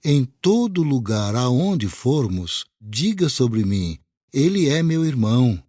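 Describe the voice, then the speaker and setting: A man's voice: medium pitch, sing-song, slow, dark tone, dry recording, clean studio sound. A man voicing an elderly patriarch earnestly explaining himself in a Bible audio reading.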